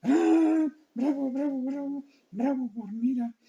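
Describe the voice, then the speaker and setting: A man's voice: extremely high pitch, gravelly, dark tone, highs cut off, heavily acted. Man doing an eager, curious story listener. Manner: exclaiming, quick to sympathize. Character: eager curious listener who keeps asking questions.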